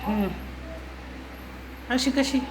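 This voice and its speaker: High-voiced, unhurried coaxing woman. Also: background noise. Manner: patient, repetitive, gently coaxing. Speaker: parent filming a toddler. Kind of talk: coaxing a small child on camera. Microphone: phone camera.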